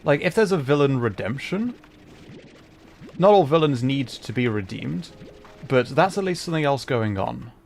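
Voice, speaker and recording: Over game music, a man on a gaming livestream chats casually and thinks out loud in a hesitant, rambling way. His medium-pitched voice is lively, creaky and a little mellow, at normal speed, with slight hiss or hum.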